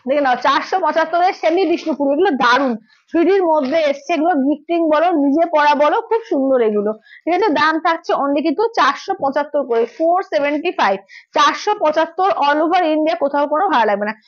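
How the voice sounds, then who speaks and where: Hoarse fast-talking saree seller woman. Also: sits high, dry recording, dull audio. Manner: brisk, repeats prices, keeps asking "okay?". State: hoarse from a cold. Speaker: saree seller on a live sale stream. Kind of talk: live-stream sales pitch.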